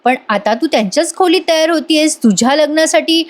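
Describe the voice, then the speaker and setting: Woman voicing a bossy teasing young wife, high voice. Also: expressive, a little fast.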